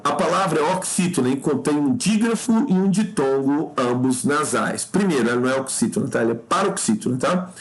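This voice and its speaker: Here a Brazilian man reviews an exam, explaining every answer to the listener. He checks in constantly with a quick "tá?", calls them "cara," and raises his pitch sharply when he wants to stress something.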